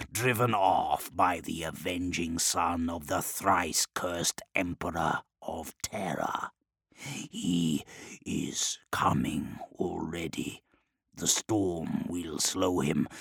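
A man reading an audiobook voices an ancient male demon who possesses a knight, speaking in slow, hissing, whispered threats with a gravelly, breathy sound. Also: deep voice, fairly bright tone, no room sound, clean studio sound, voice pushed down, heavily acted. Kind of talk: audiobook character voice.

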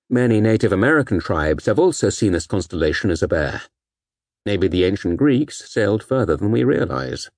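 A man reading a scripted educational audiobook in a measured, articulate and formal way. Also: lowish voice, a little mellow, no room sound, studio quality. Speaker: audiobook narrator. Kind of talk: scripted educational narration with recited literary quotations.

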